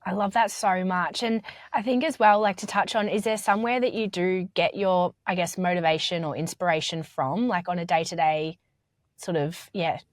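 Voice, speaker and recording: Hesitant woman co-host, somewhat low voice. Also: moderate pace, no room sound, clean studio sound. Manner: hesitant, searching for words as she asks. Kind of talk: podcast interview.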